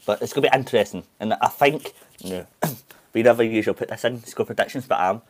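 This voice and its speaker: A man on a football podcast, animated and making bold predictions. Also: lowish voice, fast talker. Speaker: podcast panelist. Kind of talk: casual football chat.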